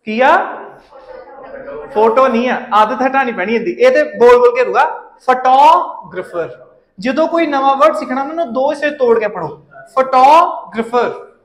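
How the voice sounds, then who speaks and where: High-voiced Punjabi man teaching pronunciation. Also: moderate pace, roomy sound, poor audio. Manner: drills words by repeating them, checks in often with "okay?". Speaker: IELTS teacher. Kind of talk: classroom pronunciation lesson. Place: classroom.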